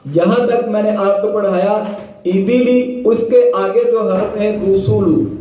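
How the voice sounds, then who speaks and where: A man teaching Quran reading, slowly spelling out syllables and chanting them in drawn-out tones between plain explanations. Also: sits high, fairly even intonation, heavy reverb, dull audio. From Pakistan. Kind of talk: slow spelled-out recitation lesson.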